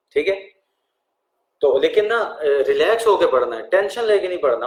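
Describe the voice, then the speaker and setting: Relaxed teacher in an echoey room. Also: male voice, mid-range voice. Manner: relaxed, reads out questions and answers them in turn. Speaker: exam prep teacher. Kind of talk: live Q&A session.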